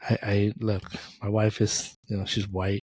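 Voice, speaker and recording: A man's voice: on the low side, flat delivery, normal speed, darkish tone, breathy edge, no room sound. A man from Thailand co-hosting a casual faith podcast, talking in an emphatic, joking way. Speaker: podcast co-host.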